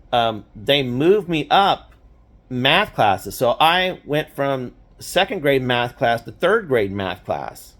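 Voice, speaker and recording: A man's voice: mid-range voice, fairly bright tone. Brief: older man, casual storyteller, rambling delivery, filler-heavy. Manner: rambling, lots of "you know" fillers.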